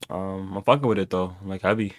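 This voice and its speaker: A man's voice: sits low, steady tone, a little fast, slight background noise. A young man hosting a music reaction video, talking loosely and thinking aloud with lots of fillers. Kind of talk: casual album reaction commentary.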